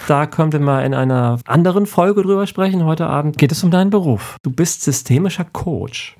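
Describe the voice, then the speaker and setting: A man's voice: on the high side, expressive, brisk, darkish tone. A man hosting his own podcast, introducing his guest and asking short, friendly questions. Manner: friendly, asks short questions, frequent affirming murmurs. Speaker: podcast host. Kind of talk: podcast interview.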